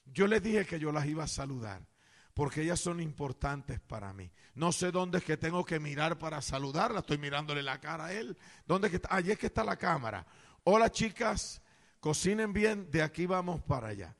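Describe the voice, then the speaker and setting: Caribbean man preaching in a church, high gravelly voice, booming and joking with the crowd, long hall echo. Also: animated, brisk. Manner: loud, playful, jokes with the congregation. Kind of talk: sermon.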